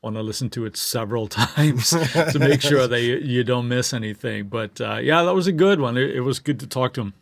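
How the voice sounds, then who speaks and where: A man co-hosting a podcast about mixing, easygoing and quick to laugh as he asks his co-host questions. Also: medium pitch, gravelly, no echo, studio quality. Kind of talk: casual chat. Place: studio.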